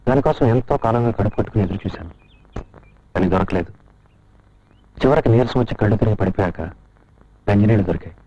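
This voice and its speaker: An actor playing a husky, bitter jilted man. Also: fairly low pitch, fast, pauses often, close to an everyday voice. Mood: wistful. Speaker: film character. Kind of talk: 1990s film dialogue. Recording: dull old film soundtrack.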